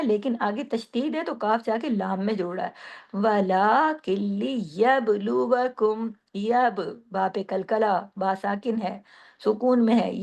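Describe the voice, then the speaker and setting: A woman teacher giving a recitation lesson. She explains each rule patiently, then models the words slowly and carefully. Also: on the high side, darkish tone. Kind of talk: slow step-by-step recitation lesson.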